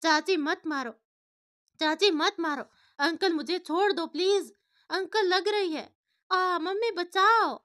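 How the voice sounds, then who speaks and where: A woman plays a frightened little girl from a storybook, her voice high and thin. She pleads tearfully, small and helpless. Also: takes it slowly, a bit bright, full character voice. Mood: terrified.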